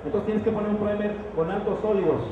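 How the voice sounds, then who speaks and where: A middle-aged man with a fairly high voice leads a live sales demonstration, talking into a handheld mic. His words bounce around a big roofed expo hall and reach the camera from far off, with a steady hum of noise behind him. He explains each step and keeps checking that the crowd is following. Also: quick pace, highs cut off. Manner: explanatory, asks the crowd frequent checking questions. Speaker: product demonstrator. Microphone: handheld microphone.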